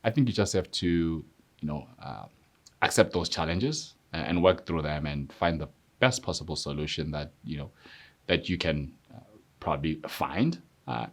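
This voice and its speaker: A middle-aged man from Zimbabwe, a police constable, telling his story in a measured, reflective way with frequent fillers. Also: a bass voice. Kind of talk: personal testimony interview. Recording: soft music underneath.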